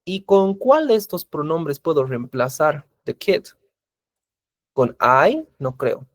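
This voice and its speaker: A man gives a recorded class lecture, slow and patient, repeating each example and quizzing his students. His voice sits a little high for a man. The sound is dry and close, with no room echo. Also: very animated. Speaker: English teacher.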